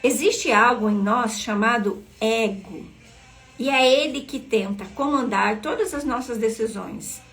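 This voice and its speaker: Woman, devotional teacher, earnest, questioning her listeners, slightly high voice, soft music under her. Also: unhurried. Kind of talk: devotional teaching reading from a book.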